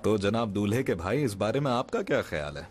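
A man's voice: lowish voice, lively intonation, fairly quick, a little hiss or hum, close to an everyday voice. An actor dubbing a wealthy young businessman in a drama. He teases playfully but turns curt when he gives orders. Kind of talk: dubbed drama acting.

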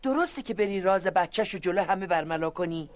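An actress playing a calm figure who mediates a family dispute and talks the others down. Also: female voice, on the low side, natural voice. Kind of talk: TV comedy drama acting.

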